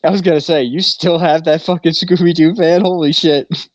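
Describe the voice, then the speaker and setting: A man's voice: fairly high pitch, fairly even intonation, normal speed, no room sound, lo-fi sound. A man co-hosting a casual podcast in a small studio, talking in a laid-back, profane way and laughing easily. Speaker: podcast co-host. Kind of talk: casual stoner chat.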